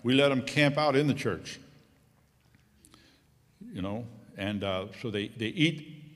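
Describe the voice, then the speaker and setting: A man's voice: mid-range voice, expressive, slow pace. A middle-aged man giving a rambling, folksy missionary report to a church congregation, coughing now and then. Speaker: missionary pilot. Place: church sanctuary. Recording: long church hall reverb.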